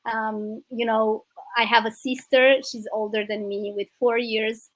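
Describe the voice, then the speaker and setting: A woman's voice: a little high, little pitch movement, a little slow, dry recording, rough recording. Romanian woman telling her story, fillers. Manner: warm, grateful, hesitant with fillers. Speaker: guest, business coach. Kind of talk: casual interview storytelling.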